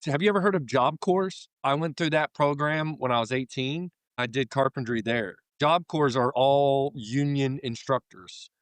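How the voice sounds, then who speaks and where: The Florida carpenter, an American man in his thirties, wanders through casual conversation as an interview guest. He speaks at medium pitch and a moderate pace with few pauses, captured on a dry recording.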